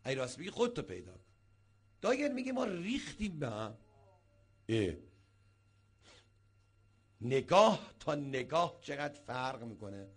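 A man, a cleric, preaching a sermon as an animated storyteller who acts out the people he quotes. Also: medium pitch, pauses often, breathy edge.

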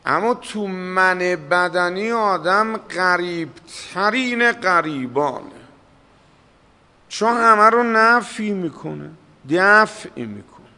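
A man preaching a religious sermon, slow and emphatic, drawing out the words he stresses. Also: sits high, animated, sharp tone, big-room sound. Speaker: cleric.

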